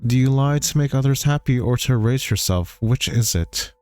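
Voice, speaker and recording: A man reading the lines of a grieving ghost father who asks slow, probing questions. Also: medium pitch, expressive, a little mellow, clean tone, faint music behind, natural voice. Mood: solemn, probing.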